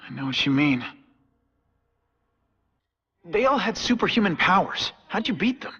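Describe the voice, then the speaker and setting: An actor playing a wisecracking young superhero in a video game, with a casual, sarcastic manner. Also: male voice, high-pitched, sing-song, measured pace, fairly bright tone, highs cut off, heavily acted. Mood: inquisitive, earnest. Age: young adult. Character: wisecracking young male superhero, earnest and quippy.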